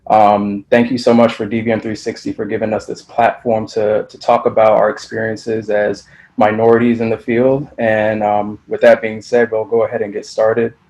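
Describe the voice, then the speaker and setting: Flat-voiced young man moderating a panel. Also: fairly low pitch, normal speed, poor audio. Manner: hesitant, many fillers. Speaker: panel moderator, veterinary student. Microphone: video call.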